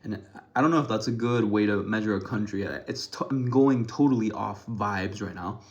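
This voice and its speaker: A man's voice: fairly low pitch, normal speed, highs cut off. A young man from Ecuador rambling casually to camera, thinking aloud with many restarts and self-deprecating asides. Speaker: vlogger.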